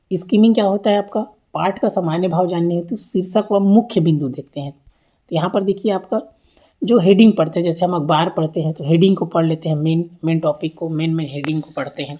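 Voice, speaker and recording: Speaking in a low-pitched, warm voice, a woman teacher works through slides in an exam-prep lecture. She frequently poses her own questions before answering them, and she keeps coming back to the key points.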